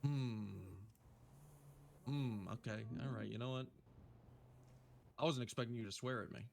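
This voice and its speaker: A man's voice: mid-range voice, steady tone, unhurried, vocal fry, darkish tone, slight background noise. A man in character probing someone with pointed questions, then wavering and backing down. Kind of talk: in-character roleplay confrontation.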